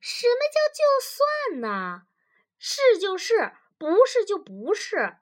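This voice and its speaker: A woman voicing a sharp-tongued, relentless wife in a storybook reading, firing off fierce, cutting retorts. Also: high-pitched, very animated, normal speed, pitched above the performer's own voice, heavily acted. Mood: indignant.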